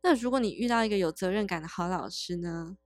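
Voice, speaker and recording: A woman from Taiwan, chatting casually, tossing in quick witty remarks and thoughtful explanations. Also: fairly low pitch, dry recording, soft background music. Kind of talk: casual chat.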